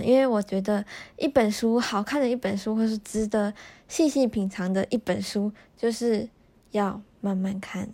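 A woman's voice: medium pitch, darkish tone. A woman podcast host casually sharing thoughts on a book, her articulation slightly off from wearing dental braces, often repeating and rephrasing as she explains.

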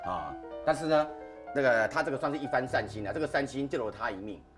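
A man's voice: mid-range voice, quick pace, music in the background. A man with a Taiwanese Mandarin accent, hosting a podcast and telling ghost stories to a panel in a casual, dramatic way. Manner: animated, dramatic storyteller. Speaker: podcast host.

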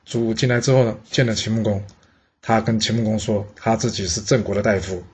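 A man's voice: on the low side, fairly even intonation, a little fast, a little mellow, husky. A man telling a history story in a chatty, conversational way, with explaining asides. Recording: dull lo-fi audio.

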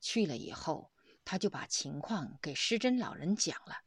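A woman reads a Buddhist tale aloud in an animated storytelling manner. Her pitch leaps and falls through the narration, and she often breaks into exclamations. The sound is dry and close, with no room around it. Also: normal speed, slightly rough, dry recording. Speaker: reader of a Buddhist text. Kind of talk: expressive storytelling reading.

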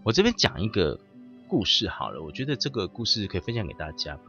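Man, podcast host, lowish lively voice, conversational storytelling, muffled audio, soft background music. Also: quick pace. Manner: conversational, emphatic, tells a story. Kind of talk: storytelling monologue on dreams.

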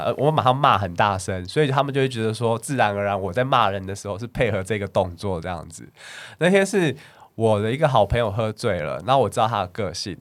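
Taiwanese guy telling a bar story real fast, kinda low voice, acts out all the lines. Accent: Taiwanese Mandarin. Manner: animated storyteller acting out dialogue, bursts into laughter. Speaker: bar staff and podcast host. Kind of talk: casual storytelling chat.

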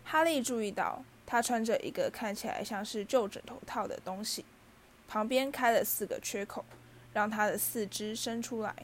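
A woman's voice: on the high side, normal speed, a little hiss or hum. Woman narrating a storybook. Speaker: audiobook reader.

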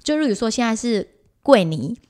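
A woman's voice: fairly high pitch, big pitch swings, moderate pace, darkish tone. Woman co-host with Taiwanese Mandarin accent. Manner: explanatory, giving examples. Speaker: podcast co-host, parent. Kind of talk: casual conversational chat.

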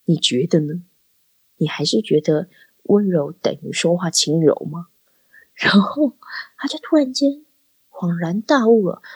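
A low-voiced woman host chatting casually and thoughtfully, often pausing to hunt for the right word. Her voice is gravelly and husky. The sound is dry and close, with no room echo. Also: darkish tone. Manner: reflective, searching for words. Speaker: podcast host. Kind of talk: casual talk. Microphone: phone-app voice recording.

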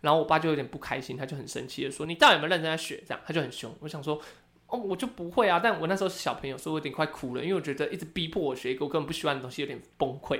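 Podcast host, rapid-fire casual storyteller, animated, mid-pitch. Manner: animated, laughing storyteller who acts out quoted family members in a raised voice.

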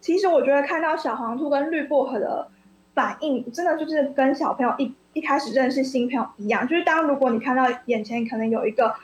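High, expressive woman telling stories. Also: quick pace, reverberant, slight background noise, poor audio. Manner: lively, expressive storyteller. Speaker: guest storyteller. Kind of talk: children's story reading and discussion. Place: radio studio.

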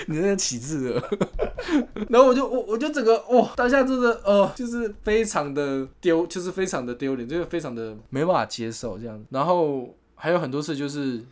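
A man's voice: fairly high pitch, sing-song, brisk. A young man, telling rambling anecdotes in casual chat and laughing often. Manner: rambling anecdotes full of 'this way' fillers, laughs often.

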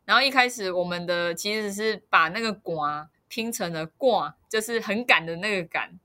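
Young taiwanese mandarin woman, bright voice, chatty podcast cohost, lots of ums and laughs. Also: mid-range voice, brisk. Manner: chatty, laughs often, many hesitant fillers. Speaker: podcast co-host. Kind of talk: casual podcast chat.

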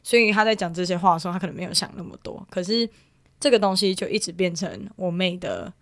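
A woman's voice: lowish voice, lively intonation, quick pace, no echo. A young woman from Taiwan telling a personal family story in casual chat, rambling with many fillers and restarts. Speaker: guest.

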